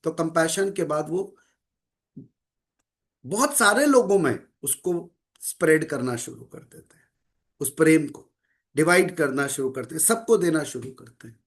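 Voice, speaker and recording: A middle-aged man giving a calm, measured spiritual talk to listeners, mixing in English phrases. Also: fairly high pitch. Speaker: spiritual speaker.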